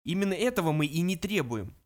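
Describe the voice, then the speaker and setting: A man's voice: a little high, expressive, fast talker, lightly acted. A man voicing an irritable, pompous older male philosopher speaking for his colleagues.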